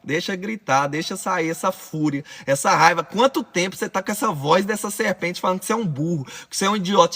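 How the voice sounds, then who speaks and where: A man's voice: high voice, a bit bright. A man with a Brazilian accent guiding listeners through a visualization exercise, giving urgent, commanding directions as a course instructor. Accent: Brazilian Portuguese.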